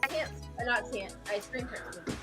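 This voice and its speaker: A woman, chatting casually and explaining her work with quick agreeing remarks. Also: on the high side, animated, bright, forceful tone, faint music behind. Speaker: guest, shop co-owner. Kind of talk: casual interview chat.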